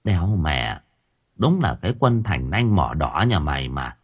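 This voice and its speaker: A man's voice: a bass voice, big pitch swings, a little slow, husky, pitched below the performer's own voice, full character voice. A man voicing a fierce, foul-mouthed old village exorcist woman, scolding and cursing.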